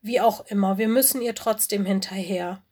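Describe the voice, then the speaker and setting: A woman doing Lenny, a steady earnest bear cub. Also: mid-range voice, normal speed, lightly acted. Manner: earnest, level-headed.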